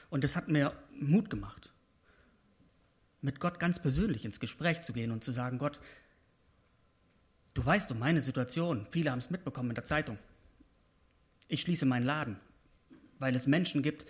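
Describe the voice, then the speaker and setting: A man giving a personal devotional sermon, speaking with passion and rising to emphatic peaks when he voices prayers. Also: mid-range voice. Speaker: preacher.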